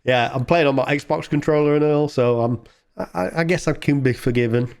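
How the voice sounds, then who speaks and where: Over video game music, a gaming video host plays and offers casual, colloquial, self-deprecating commentary. His voice is a little high, gravelly and darkish, at a moderate pace.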